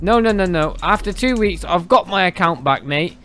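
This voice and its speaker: Man, excitable gamer banter, says mate a lot, somewhat high voice, background music. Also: normal speed. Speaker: gaming YouTuber. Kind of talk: casual gameplay banter.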